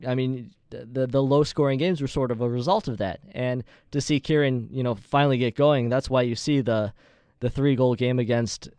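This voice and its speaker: A man's voice: mid-range voice, fairly even intonation, moderate pace, a little mellow, clear, resonant tone, no room sound. A man hosting a sports show, talking conversationally through interview questions and soccer commentary in a wordy way.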